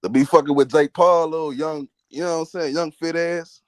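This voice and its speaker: A man's voice: a little high, fairly even intonation, a little fast, no echo. A man co-hosting a podcast in casual chat, speaking bluntly with heavy slang and free swearing. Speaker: podcast co-host.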